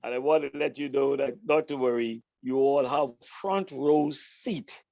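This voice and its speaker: A man's voice: medium pitch, warm tone, no echo. Man repeating his welcomes on a muffled call. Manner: repetitive, drawn-out phrases. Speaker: greeter at a club meeting. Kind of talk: warm welcome speech with a told joke. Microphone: video call. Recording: dull, muffled call audio.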